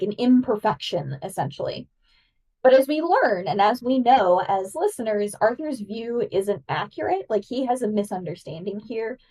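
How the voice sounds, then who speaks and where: This woman's voice is mid-range and warm, though the low-quality recording places her far from the mic. Guest-hosting a casual podcast discussion, she works through ideas eagerly and analytically, using plenty of fillers.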